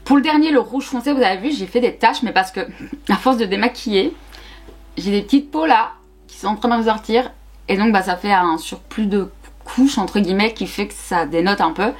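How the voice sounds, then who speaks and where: A woman's voice: medium pitch, normal speed. A young woman, chatting casually through a makeup review with lots of fillers and repeated words. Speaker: beauty vlogger.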